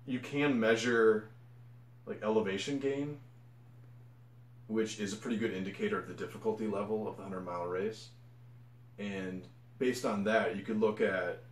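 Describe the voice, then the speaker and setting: Speaking to camera in an unscripted monologue, a male ultra runner rambles enthusiastically about running challenges and keeps correcting himself. His fairly low voice sounds reverberant, with slight hiss or hum in the background.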